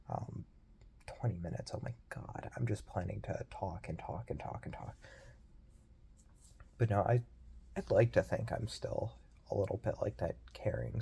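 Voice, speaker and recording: A young man talking through a personal video diary in a reflective, rambling way, with many fillers and pauses. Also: low-pitched, creaky, mellow, husky. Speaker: video journal host.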